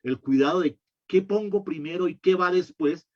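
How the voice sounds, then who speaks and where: A man's voice: high-pitched, normal speed, darkish tone. A literacy educator giving a slide-based lecture, explaining step by step and answering his own rhetorical questions. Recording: dull lo-fi recording.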